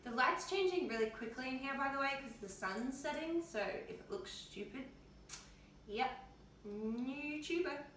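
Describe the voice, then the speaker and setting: A health vlogger from Australia chats casually at normal speed, her voice sitting high and fairly bright with lively intonation. In her home kitchen with the windows open, she sounds tired and in pain and talks in an offhand, colloquial style. A distant mic gives a very echoey sound with faint noise.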